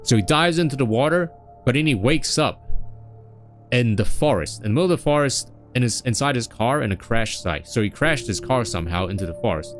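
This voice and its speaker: A man's voice: mid-range voice, expressive, brisk, soft background music. A young man recapping a story in a casual, rambling way, with many fillers and asides. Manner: rambling, with frequent fillers and acted-out voices. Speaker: streamer.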